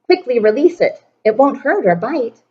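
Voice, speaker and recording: A woman's voice: fairly high pitch, big pitch swings, normal speed, warm tone, highs cut off. A woman voicing a cheerful, determined male court jester in a rhyming storybook, in a near-natural voice. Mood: joyful. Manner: rhyming storybook speech, earnest.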